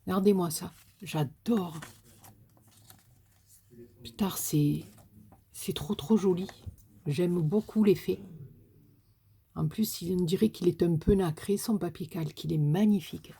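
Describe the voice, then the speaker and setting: A woman's voice: on the low side, measured pace, creaky, long pauses, warm tone. A woman with a Marseille accent chatting casually as she opens a parcel on her vlog, gushing and swearing with delight. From Marseille, France. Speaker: crafting YouTuber.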